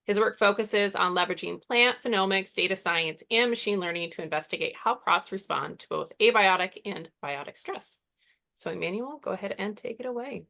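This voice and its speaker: A woman hosting an online workshop, opening the session relaxed and with frequent fillers. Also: mid-range voice, fairly quick, vocal fry. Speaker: workshop host and project manager. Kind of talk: introducing a webinar session.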